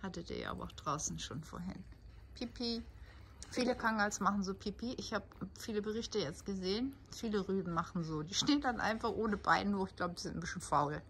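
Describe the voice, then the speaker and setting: A chatty older woman vlogging casually, often dropping to a soft whisper as she talks to cats and dogs, filmed on a handheld phone. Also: mid-range voice, lively intonation, a little fast, slight background noise. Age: 60s. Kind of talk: casual vlog chat. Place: outdoors, then at home at night.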